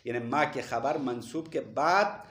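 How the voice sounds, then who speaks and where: A man's voice: medium pitch, a bit bright. Man teaching a class in an echoey room. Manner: explains step by step, asks students questions, chants Arabic verses slowly. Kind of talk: classroom lesson on Arabic grammar.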